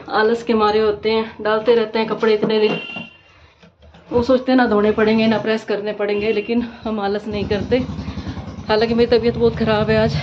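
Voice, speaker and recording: A woman's voice: fairly high pitch, muffled recording, noisy background. A woman with a head cold chatting casually to her viewers in a home vlog, talking straight to the camera. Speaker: home vlogger. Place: home, kitchen and house.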